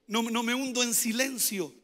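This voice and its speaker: A man preaching as a pastor, emphatic, repeating his phrases and rising at times to shouted pleas. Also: extremely high pitch, moderate pace, long reverb tail. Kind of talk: sermon.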